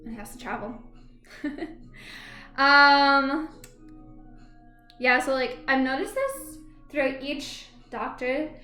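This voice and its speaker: A woman's voice: high-pitched, expressive, slow pace, long pauses, sharp tone, roomy sound, soft background music. A woman vlogging in a casual, rambling way. She laughs easily and hums filler syllables while she gathers her thoughts. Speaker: vlogger reviewing a TV episode. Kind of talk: casual rambling chat to camera.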